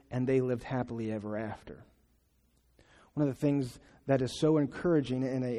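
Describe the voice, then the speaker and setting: A man delivers a sermon in a mellow, darker voice at an ordinary pitch. He speaks conversationally and haltingly, often restarting his phrases. His voice carries a long reverb from a large hall. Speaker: pastor.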